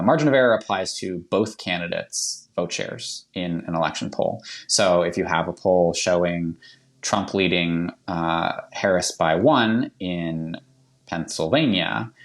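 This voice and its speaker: Deep voiced guy with a boston accent, chatty podcast guest, lots of ums and restarts. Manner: rapid, chatty, many fillers and self-corrections. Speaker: polling analyst guest. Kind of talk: podcast explanation.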